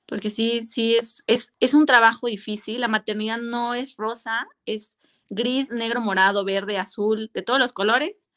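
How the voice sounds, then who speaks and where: Woman, slightly high pitch, candid, reflective, halting restarts. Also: steady tone, fairly bright tone. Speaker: guest mother. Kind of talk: casual conversational interview.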